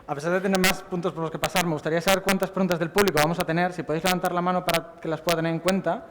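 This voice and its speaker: A man moderates a panel and briskly calls for audience questions. He speaks very fast in a high voice. The hall rings with a long echo, and noise stays clearly audible behind him. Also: little pitch movement. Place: convention hall. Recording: reverberant hall, background noise.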